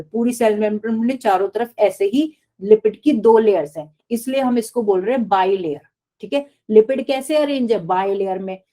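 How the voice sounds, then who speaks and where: गहरी मधुर आवाज़ वाली शिक्षिका. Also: female voice, mid-range voice, warm tone. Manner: explains step by step, keeps asking the class questions. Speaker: biology teacher. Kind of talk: live online class lecture.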